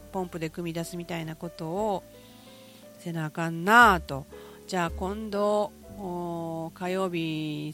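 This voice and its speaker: A woman with a Kansai accent talking alone in a casual morning show, musing and poking fun at herself with drawn-out fillers. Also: fairly low pitch, fairly bright tone. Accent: Kansai Japanese. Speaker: podcast host. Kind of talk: casual solo morning talk.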